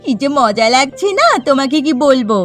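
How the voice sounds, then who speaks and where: A woman voicing a nagging, excitable village wife in a cartoon who plots a theft. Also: high-pitched, normal speed, faint music behind. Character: scheming shrill village wife. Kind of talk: Bengali cartoon voice acting.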